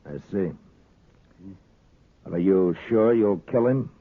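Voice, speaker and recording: A very low, rough-edged American voice on a narrow-band vintage radio recording, a frontier marshal in a western. He is steady, weary of the world and sparing with words, probing in a measured way. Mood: calm, probing. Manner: measured, laconic, questioning. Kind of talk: 1950s radio western acting.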